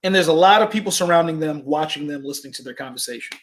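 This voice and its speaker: A man's voice: a little high, expressive, very fast. A man co-hosting a casual podcast chat, ranting animatedly about films and acting out quoted lines. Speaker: podcast co-host.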